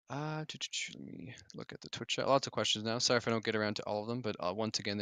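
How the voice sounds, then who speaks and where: A man's voice: fairly low pitch, creaky, sharp tone, no echo. A man hosting a casual livestream Q&A, reading viewer questions aloud in a chatty way with fillers. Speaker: stream host.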